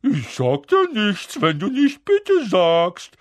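A man's voice: sits high, huge pitch swings, takes it slowly, no room sound, studio quality, pitched above the performer's own voice, full character voice. A man voicing a spiteful, cackling male poltergeist who taunts in a nagging sing-song. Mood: taunting sing-song.

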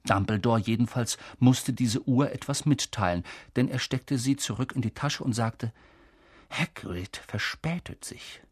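Husky storyteller reading a book aloud, voice goes up and down a lot, dry close sound. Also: mid-range voice, normal speed, few pauses, dry recording. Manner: lively, expressive storytelling. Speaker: audiobook reader. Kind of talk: scripted narration.

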